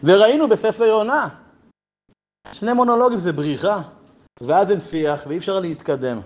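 A man with a notably high speaking voice addresses a live audience in a storytelling talk. He slips into quoted exchanges and plays them out with a light humorous touch. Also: lively intonation, lo-fi sound. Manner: anecdotal, humorous, acts out quoted dialogue. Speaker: lecturer.

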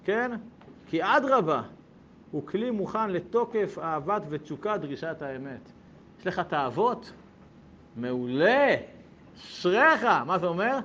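A man teaching a Torah lesson, reading passages aloud and explaining them with loud, emphatic exclamations. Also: high voice, big pitch swings, long pauses. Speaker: rabbi teaching a class. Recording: dull lo-fi sound with faint background noise.

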